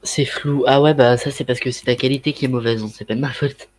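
Husky-voiced man with a Ch'ti accent. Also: mid-range voice, fairly even intonation, fairly quick. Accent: Ch'ti (northern French). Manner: rambling, many fillers and slang. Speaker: livestreamer. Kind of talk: casual livestream chat. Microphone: headset microphone.

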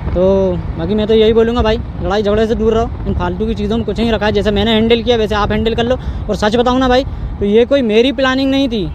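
Fast-talking young man on a noisy street. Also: high-pitched, steady tone. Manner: pleading, placating, repeats himself. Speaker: motovlogger. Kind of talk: casual vlog talk. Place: outdoors on a city street. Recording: street traffic noise behind.

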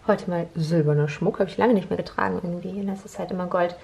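A woman's voice: fairly low pitch, fairly even intonation, quick pace, gravelly, a little mellow, muffled recording. A woman in her twenties chatting casually to a vlog camera in speech, with a slight slushy lisp on her s sounds. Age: 20s. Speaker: vlogger. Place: rooms at home, indoors. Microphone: handheld vlog camera at arm's length.

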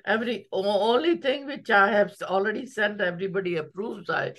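Halting woman moderating a webinar. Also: medium pitch, a bit bright. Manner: halting, many restarts. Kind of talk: moderating a video call.

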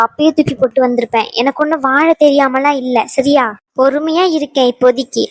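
Lady voicing a fed-up young wife, firm and scolding, high-ish voice, dry mic. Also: no echo, close to an everyday voice. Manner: emphatic, scolding, fast. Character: strong-willed young wife fed up with husband. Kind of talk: cartoon dubbing.

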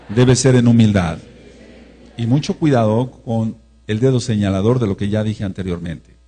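A man's voice: medium pitch, dark tone, breathy edge. A man preaching a sermon, emphatic, repeating phrases and leading the congregation to repeat after him. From Mexico.

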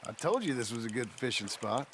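An actor playing a gruff former outlaw turned rancher father, terse and steady. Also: medium pitch, a little fast, background noise. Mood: calm. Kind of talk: video game voice acting. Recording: game soundtrack music underneath.

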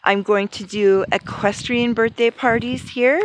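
A woman's voice: a little high, fairly even intonation, unhurried, a little hiss or hum, rough recording. A woman in her late forties giving a chatty, rambling vlog tour of her horse barn and farm, laughing often and speaking into a phone at arm's length. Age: late 40s. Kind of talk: casual walk-and-talk vlog. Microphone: phone held at arm's length.

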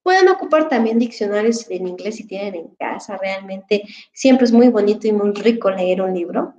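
An English teacher, a woman, uses a headset to explain a dictionary app to her online class. She is patient and formal with her students and fills her speech with fillers. Her mid-range voice is animated and a little mellow, she speaks at normal speed, and the sound is muffled.

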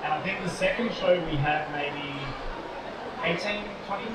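Aussie bloke yarning at a mall talk, booming echo, noisy crowd. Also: male voice, normal speed. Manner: chatty, conversational storytelling. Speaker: toy company co-founder giving a talk. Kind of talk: casual live presentation. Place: large indoor shopping mall expo. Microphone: distant mic on a live talk. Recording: echoey mall hall, distant mic, crowd noise.

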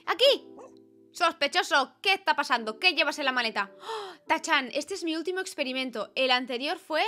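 Her voice is high-pitched, pushed and bright: a young adult gaming YouTuber chatting playfully as she plays, reading the on-screen text aloud along the way. She records in a small purple-lit bedroom, close to a studio mic mounted on an arm.

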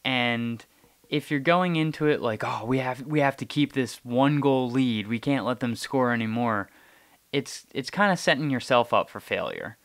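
A man's voice: medium pitch, animated, normal speed, a bit bright. A young man hosting a podcast, chatting casually about hockey, often repeating words while he thinks. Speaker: podcast host. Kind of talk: casual sports chat.

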